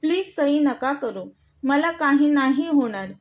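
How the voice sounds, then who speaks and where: A woman's voice: high-pitched, expressive, measured pace, highs cut off. A woman voicing a brave, defiant young daughter who stands up to a villain and pleads with her father in a storybook reading. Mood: pleading.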